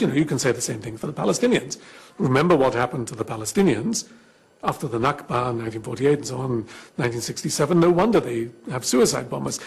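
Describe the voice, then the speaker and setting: Gravelly-voiced man arguing point by point. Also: mid-range voice, darkish tone. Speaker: commentator. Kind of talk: interview commentary.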